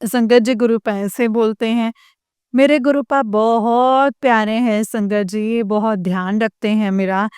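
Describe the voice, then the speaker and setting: A woman speaking to a congregation, sharing her devotional experiences in a slow, halting way with many pauses and fillers. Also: on the high side, steady tone, a little mellow, clean tone, no room sound, studio quality. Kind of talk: devotional testimony talk.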